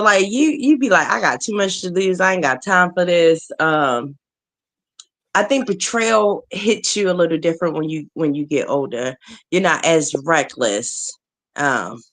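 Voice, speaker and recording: A woman in her forties hosting a casual live talk show, chatting, laughing often and greeting viewers as they join. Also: medium pitch. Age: 40s. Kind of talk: casual chat.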